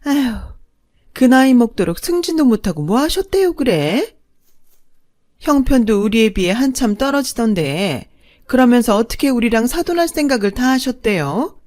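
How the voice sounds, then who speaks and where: A woman's voice: a little high, big pitch swings, normal speed, a little mellow, voice pushed up. A woman voicing a greedy, snobbish middle-aged mistress who mocks and looks down on others, in a storybook narration. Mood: sneering. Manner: haughty, mocking.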